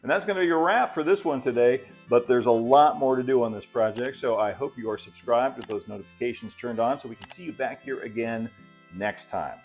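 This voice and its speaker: Step by step, a fiftysomething model railway channel host walks through a hands-on workshop tutorial in his indoor hobby workshop, casual, folksy, and easygoing. His mid-range voice is darkish in tone and fairly quick, with faint music behind.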